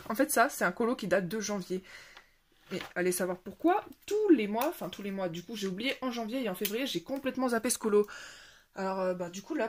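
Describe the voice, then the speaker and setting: A woman vlogger talking through her finished coloring pages in a loose, casual show-and-tell chat. Her voice sits at an ordinary middle pitch, and she rambles, hesitates and corrects herself often. She pokes gentle fun at herself along the way. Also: slight background noise. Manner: rambling, hesitant, with many fillers and self-corrections.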